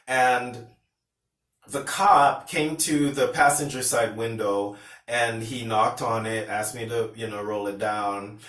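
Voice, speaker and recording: Slow-paced and fairly even in intonation, a man's medium, slightly bright voice carries a rambling personal story told to camera. He's a vlogger from Pennsylvania who restarts and retells dialogue, and the recording is roomy and distant.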